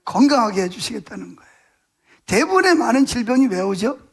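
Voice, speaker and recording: A man's voice: very high-pitched, very animated, a little fast, vocal fry, slightly rough. A man preaching a Sunday morning sermon as pastor, emphatic and colloquial, firing rhetorical questions at his congregation. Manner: repeats words for stress, colloquial.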